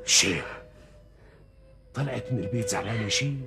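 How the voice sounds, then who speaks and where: An actor playing a blunt, quick-tempered older Damascene father with a Damascene accent, who speaks in a harsh, accusing and commanding way. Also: lowish voice, creaky, over music. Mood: worried. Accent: Damascene Arabic. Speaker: neighbourhood elder and father.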